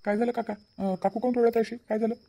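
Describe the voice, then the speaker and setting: A man's voice: extremely high pitch, flat delivery, fast talker, creaky, background noise. A man voicing a kind young nephew in a cartoon, earnestly reassuring his aunt. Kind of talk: cartoon voice acting.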